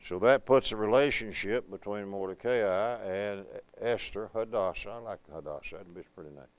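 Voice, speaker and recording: A man teaching a Bible class at a preaching school, reading scripture slowly and then explaining it conversationally, asking his students questions. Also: on the low side, clear, resonant tone, rough recording. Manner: conversational, asks the class questions and answers them; reads verses slowly and deliberately.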